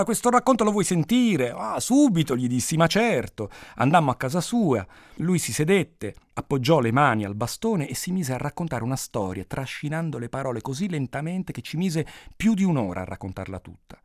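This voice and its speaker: Animated male storyteller. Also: medium pitch, a little fast, few pauses, no room sound, clean studio sound. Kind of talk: folk tale narration.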